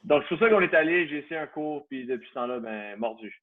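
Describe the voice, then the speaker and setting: Over a tinny line that sounds like a phone, a thirtysomething CrossFit gym owner with a Canadian French accent talks as a guest in a relaxed interview. His pitch is fairly high and his delivery animated and quick, yet he's hesitant and keeps restarting.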